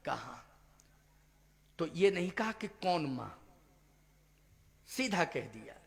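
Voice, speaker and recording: A man telling a devotional story as a sermon, quizzing his listeners and chanting verses in a slow, drawn-out melody. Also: on the high side, big pitch swings, creaky. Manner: quizzes the audience with rhetorical questions. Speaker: Ram katha preacher.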